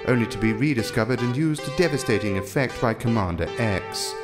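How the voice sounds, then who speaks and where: A man's voice: mid-range voice, animated, brisk, close to an everyday voice. A man playing an automated information point in an audio drama, reciting formally like a recorded announcer. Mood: formal, informative. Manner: formal, declaiming. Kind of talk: scripted narration in audio drama. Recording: long reverb, loud guitar music behind.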